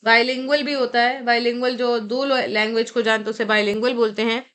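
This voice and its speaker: A woman's voice: on the high side, flat delivery, a bit bright, smooth. An Indian woman teaching a vocabulary lesson, explaining and repeating each word carefully. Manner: explains word by word, slowly spelling and repeating terms.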